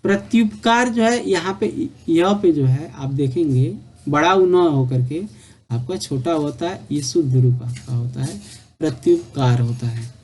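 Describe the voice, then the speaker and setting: A man's voice: on the high side, measured pace, darkish tone, slightly rough. A man teaching a spelling lesson for exam preparation, repeating each correction and leaning on the same filler phrases. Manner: repetitive, drilling corrections with filler "आपका".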